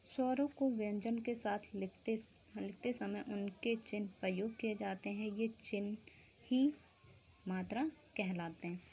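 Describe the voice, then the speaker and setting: A woman's voice: medium pitch, dark tone, slight background noise. A teacher woman quizzing her class. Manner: explains slowly, asks questions and answers them herself; keeps checking understanding with short tag phrases. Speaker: school teacher. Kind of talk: classroom grammar lesson.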